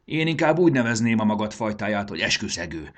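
A man voicing a suspicious young male gurgó father in a storybook reading, speaking loudly and accusingly. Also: fairly low pitch, huge pitch swings, slightly rough, exaggerated voice. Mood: hostile. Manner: loud and accusing. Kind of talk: audiobook character voice.

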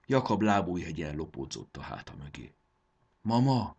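A man's voice: deep voice, sing-song, breathy edge, muffled recording. A man narrating a children's storybook expressively, voicing the characters.

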